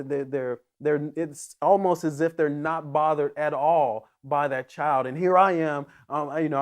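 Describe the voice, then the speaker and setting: A man preaching a sermon as pastor, earnest and emphatic, often restarting his phrases as he builds toward a point. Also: fairly high pitch.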